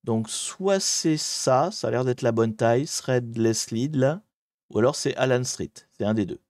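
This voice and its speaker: A man streaming live, chatting with his viewers as he hunts through online maps and grumbles at the software. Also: mid-range voice, measured pace, no echo, clean studio sound. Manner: chatty, talks to chat while searching maps, mildly exasperated. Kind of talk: live-streamed geography puzzle commentary.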